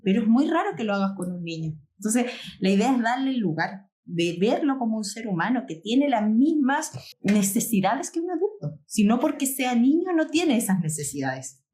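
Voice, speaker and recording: A woman's voice: fairly high pitch, big pitch swings, moderate pace, darkish tone. A Chilean woman who is a healing specialist, explaining parenting earnestly in a live stream conversation and acting out quoted parents. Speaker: inner child healing specialist.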